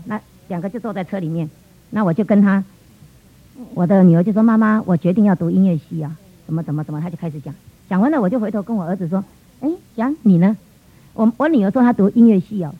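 A woman's voice: medium pitch, husky. A middle-aged woman with a Taiwanese Mandarin accent, giving a personal church testimony and acting out family dialogue as she tells it. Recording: muffled lo-fi recording.

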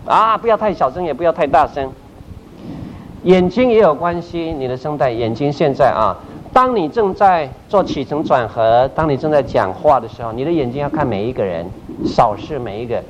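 A middle-aged man, a pastor, giving a lively church training talk and playfully acting out examples. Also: a little high, moderate pace. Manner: animated, playfully acts out examples. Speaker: pastor teaching group leaders. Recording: dull recording with loud background noise.

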